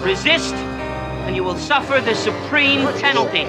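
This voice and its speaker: High, slow cartoon rabbit hero. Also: male voice, lively intonation. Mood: reluctant, grave. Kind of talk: cartoon announcement speech. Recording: film clip under loud music.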